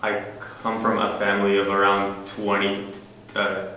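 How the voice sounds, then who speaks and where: Teenage male interviewee from Iraq, halting delivery, recorded far off in a reverberant hall. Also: lowish voice, completely flat delivery, sharp tone, a little hiss or hum. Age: teens. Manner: hesitant, many restarts and light laughs. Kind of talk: casual oral history interview. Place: university hall room. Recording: echoey room from a distance.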